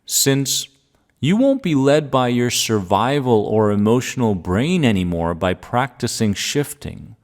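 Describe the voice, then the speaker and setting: A man speaking calmly and deliberately as a podcast coach, guiding a grounding exercise with pauses and repeated phrases for emphasis. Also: mid-range voice. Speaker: podcast host and anxiety coach. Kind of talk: calm guided grounding exercise and self-help talk.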